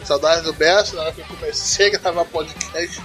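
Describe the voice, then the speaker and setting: A Brazilian man with a raspy smoker's voice hosting a podcast in casual, slangy, teasing banter with some swearing. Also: on the high side, fairly even intonation, a little fast, fairly bright tone, faint music behind. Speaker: podcast host.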